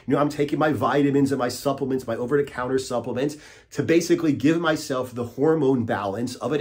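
A man's voice: mid-range voice, darkish tone. A man in his forties giving a direct-to-camera fitness talk as a coach, emphatic and punctuating points with "okay?", recorded in a small studio. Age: 40s. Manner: emphatic, repeats "okay?" to drive points home. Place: small indoor studio, plain grey backdrop.

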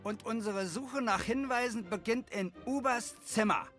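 Ein Mann spricht in einer deutschen Zeichentrick-Synchronfassung einen jungen, übereifrigen Detektiv, der theatralisch und wichtigtuerisch kombiniert. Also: male voice, high-pitched, a little slow, a bit bright, soft background music. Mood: pompous. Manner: pompous, theatrical deduction. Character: pompous, overdramatic amateur detective, young male, earnest and excitable. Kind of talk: German cartoon dub.

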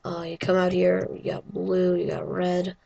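Woman losing her voice, gravelly and husky, lowish tone, kinda rambly game tour. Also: completely flat delivery, moderate pace, dark tone, muffled recording. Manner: rambling and hesitant, many fillers. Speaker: gaming video creator. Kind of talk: casual game walkthrough.

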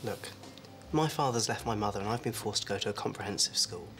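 A man's voice: fairly low pitch, fast, fairly bright tone, soft background music. A teenage boy in a scripted sitcom, speaking in a formal, pompous way. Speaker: schoolboy character.

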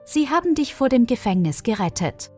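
A woman's voice: fairly high pitch, very animated, normal speed, darkish tone, voice pushed up. A woman voicing a defiant young woman who stands up for her sister, with faint music behind. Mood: reproachful. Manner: defiant, reproachful.

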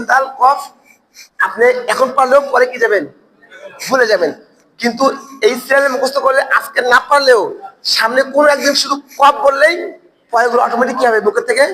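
A man's voice: very high-pitched, rough recording. A man teaching Quran reading to a class, chanting sounds over and over and quizzing his students in call-and-response. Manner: drills sounds by repeating and chanting them, asks the class questions.

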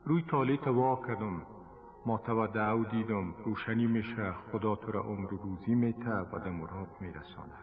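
A man's voice: a crowd in the background, lightly acted. A man voicing a distracted, tender aging mother who laments, speaking in an Afghan Dari accent, heard on a tinny old radio recording. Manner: high, plaintive, lamenting. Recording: tinny old radio broadcast with reverb and music.

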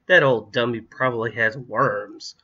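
A man voicing a snooty, competitive twelve-year-old girl in an audiobook reading, in a high, sneering voice. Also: measured pace, slightly rough, highs cut off.

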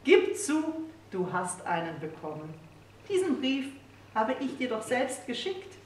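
A woman's voice: fairly high pitch, sing-song, measured pace, recorded from a distance, voice pushed up. A sly, mischievous wife who teases in a lilting, playful voice, as a woman reads her aloud. She sounds set back from the mic in a roomy space with a faint hiss. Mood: teasing.

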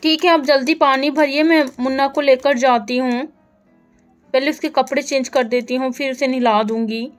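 A woman's voice: high-pitched, steady tone, normal speed, faint music behind, lightly acted. A woman voicing a young village mother in a doll story, caring and coaxing. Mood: motherly. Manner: coaxing and motherly, fond pet names.

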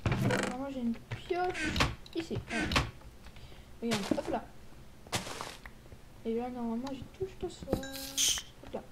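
A woman giving playful, joking commentary while playing a video game, with excitable outbursts. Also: high voice, slow pace, pauses often. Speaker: gaming YouTuber. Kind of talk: casual gameplay commentary. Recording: loud background noise.

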